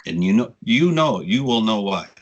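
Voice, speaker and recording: A man in his sixties, a guest telling casual, rambling stories with frequent swearing, getting animated when he quotes people. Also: lowish voice, moderate pace, muffled recording. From United States. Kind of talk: casual storytelling interview.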